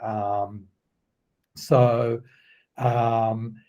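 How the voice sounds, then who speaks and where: Australian man around sixty, mellow voice. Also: medium pitch, very slow, poor audio. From Queensland, Australia. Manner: relaxed storyteller, many ums and restarts. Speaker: guest. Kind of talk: casual interview chat.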